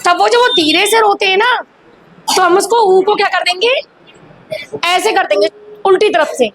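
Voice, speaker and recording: Very high-voiced woman teacher quizzing kids. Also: normal speed. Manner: animated, quizzing pupils in call-and-response. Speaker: primary school teacher. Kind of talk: classroom lesson. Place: school classroom.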